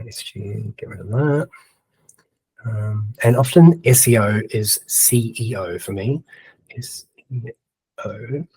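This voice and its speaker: With poor audio but no room sound, a mid-range male voice with a New Zealand accent leads a webinar. His screen-share tutorial is casual: he talks and thinks aloud as he types, filling it with plenty of ums.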